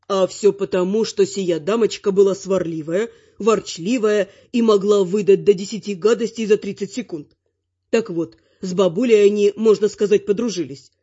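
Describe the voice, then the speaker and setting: A woman narrates a comic fantasy audiobook with a wry, ironic touch, in a middling pitch. The sound is dull and lo-fi. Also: warm tone, breathy edge. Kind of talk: first-person fantasy narration. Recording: muffled lo-fi recording.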